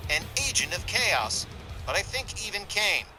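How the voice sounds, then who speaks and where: A man's voice: high-pitched, very animated, normal speed, over music. A man giving wrestling commentary as a color commentator, opinionated and colorful in his phrasing.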